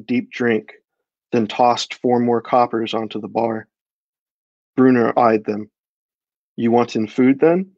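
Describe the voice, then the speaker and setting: A man reading his own dark fantasy story aloud at a live event, in a measured storytelling voice. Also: medium pitch, no room sound, lo-fi sound.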